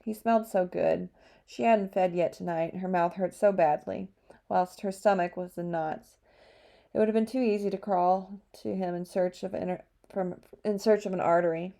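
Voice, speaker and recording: A woman narrating an audiobook chapter with a steady storytelling delivery. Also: lowish voice, normal speed, vocal fry. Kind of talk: scripted narration.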